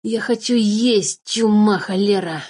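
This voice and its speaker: A woman voicing a sly, greedy male dwarf who guards cave treasure, with a wheedling, drawn-out manner, in a storybook reading. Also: medium pitch, a little mellow, slightly rough. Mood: mocking.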